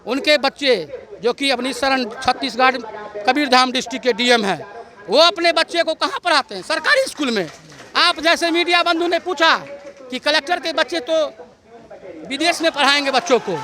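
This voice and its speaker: A man's voice: extremely high pitch, bright, forceful tone. A man, a protesting teacher candidate, speaks to reporters outdoors, arguing passionately with rhetorical questions. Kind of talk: street interview.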